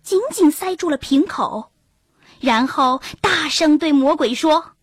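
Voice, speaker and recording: A woman narrating a children's storybook in an expressive storytelling manner. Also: high-pitched, a little slow, dry recording, clean studio sound. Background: faint background music.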